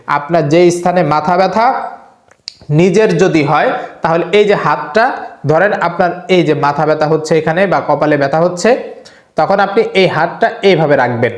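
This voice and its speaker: A male preacher, giving earnest, repetitive religious instruction and slowly demonstrating a remedy. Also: fairly high pitch, roomy sound. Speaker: Islamic preacher.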